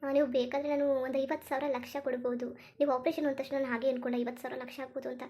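A woman's voice: high-pitched, level tone, very fast, mellow, lightly acted. A woman voicing an apologetic young female friend in a cartoon, chatty and full of explanations. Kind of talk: cartoon voice acting.

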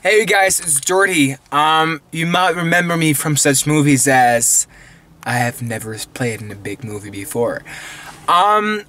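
A young man in his twenties, not a native English speaker, rambles playfully and pokes fun at himself in a late-night vlog from a parked car, filming on a phone held at arm's length. His voice is on the high side, lively, bright and forceful, a little slow, with some hiss or hum in the recording.

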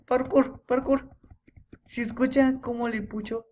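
A teenage boy, giving excitable horror gameplay commentary, chanting and yelling when scared. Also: extremely high pitch, measured pace. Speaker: gamer.

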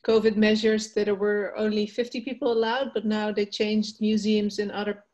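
A woman's voice: mid-range voice, little pitch movement, moderate pace, a little mellow, muffled recording. Woman searching for English words. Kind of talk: video call discussion. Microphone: video call.

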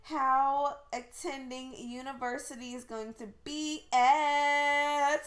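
High, gushing woman role-playing a game. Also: slow. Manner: gushing, excitable, frequent gasps and squeals. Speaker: gaming video creator. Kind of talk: in-character game role-play narration.

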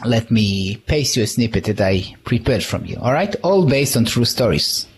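A man's voice: mid-range voice, big pitch swings, moderate pace. A man giving a live conference talk, conversational, checking in with "all right?" and often restarting words. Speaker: conference speaker.

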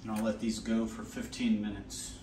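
A man's voice: lowish voice, monotone, normal speed, background noise. A man casually explaining a hands-on craft step by step, with frequent ums and uhs. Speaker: lure-making video host. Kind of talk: casual how-to demonstration. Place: indoors at a tabletop workspace.

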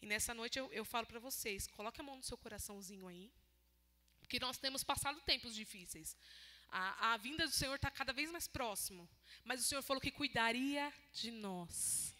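A woman's voice: on the high side, normal speed, pushed and bright. A woman preaching a sermon, retelling her talks with God and closing in fervent prayer. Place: church hall. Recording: long church hall reverb.

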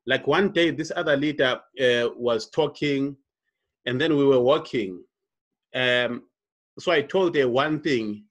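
A man in his fifties, a network marketing coach, giving an online coaching presentation in an unhurried way, with frequent fillers and restarts. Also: medium pitch. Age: 50s. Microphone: computer mic on a video call.

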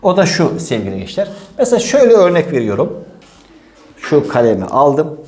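A man's voice: a little high, huge pitch swings, brisk, darkish tone. A man teaching grammar in an exam-prep lesson, emphatic, repeating key rules and voicing his students' questions. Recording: echoey room.

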